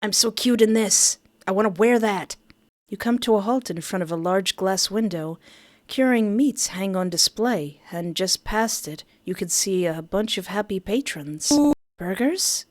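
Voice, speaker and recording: A woman streaming a game talks in a playful, expressive way, reading the narration aloud and commenting as she plays. Her pitch is medium and her pace measured, and the studio-quality recording has no echo.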